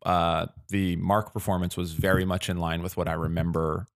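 Low-voiced man, hesitant and measured. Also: little pitch movement. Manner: hesitant, measured, lots of fillers. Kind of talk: casual chat.

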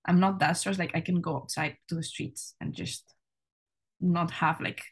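Chatty young woman, slightly low voice. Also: fairly even intonation, normal speed, breathy edge. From Spain. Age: young adult. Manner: chatty, many "like" and "you know" fillers, laughs often. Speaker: guest, university student. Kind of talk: casual podcast interview.

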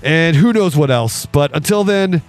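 Raspy-voiced man with a cold, enthusing. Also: on the high side, animated, measured pace, soft background music. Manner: enthusiastic, laughs often. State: hoarse from a cold. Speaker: podcast host reviewing board games. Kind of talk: casual podcast talk.

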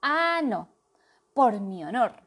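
A woman's voice: a little high, slow pace. A woman voicing a stiff male knight who speaks in formal, old-fashioned phrases in a storybook. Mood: pompous.

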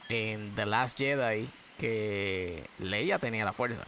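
A man's voice: on the low side, slow pace, bright, forceful tone, a little hiss or hum. A man in casual chat who talks hesitantly, with many fillers.

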